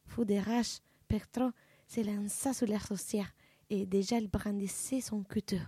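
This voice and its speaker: A woman's voice: medium pitch, fairly even intonation, a little slow, dark tone, slightly rough, no room sound, studio quality. A woman reading a translated literary folk tale aloud in a grave, dramatic manner. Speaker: reader.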